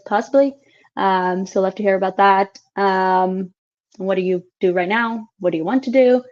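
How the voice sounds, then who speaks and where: A woman in her late twenties, originally from Finland, talks through her class introduction in a relaxed, chatty way, full of ums and uhs. Her voice sits in an ordinary middle range. It comes through a computer mic on a video call, a little dull and muffled. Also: mid-range voice. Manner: friendly, chatty, with frequent filler sounds. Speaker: instructor.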